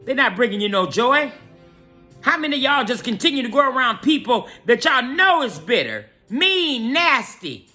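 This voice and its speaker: Animated, bright-voiced woman preaching encouragement. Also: fairly high pitch, normal speed, faint music behind. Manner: animated exhortation, addressing listeners as y'all and honey. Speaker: host of an inspirational morning message. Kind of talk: preachy motivational talk.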